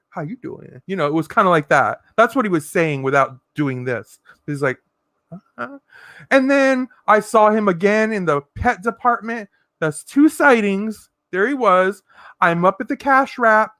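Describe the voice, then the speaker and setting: A woman's voice: medium pitch, a bit bright, no echo, clean studio sound. A woman vlogger telling stories to the camera in a sassy, dramatic way, laughing often. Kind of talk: chatty storytelling monologue.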